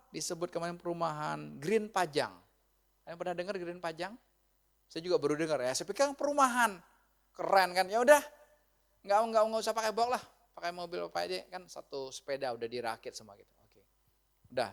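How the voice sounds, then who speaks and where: A male pastor, telling a chatty, animated story to his congregation and often laughing. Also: on the high side, brisk, vocal fry. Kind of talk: storytelling sermon.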